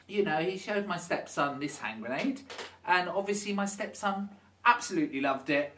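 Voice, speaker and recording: A man's voice: high voice, a little hiss or hum. Guy ranting sarcastically into the camera, voice jumping up and down, lots of "didn't you?". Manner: sarcastic, animated, with rhetorical questions. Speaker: vlogger. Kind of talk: comic rant to camera.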